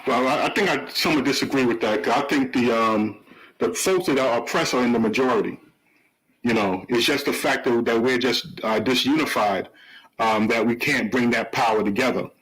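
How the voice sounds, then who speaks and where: A man's voice: medium pitch, normal speed, fairly bright tone, low-quality recording. A man co-hosting a radio talk show, speaking reflectively and explaining his points with analogies and many fillers. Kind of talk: casual radio discussion.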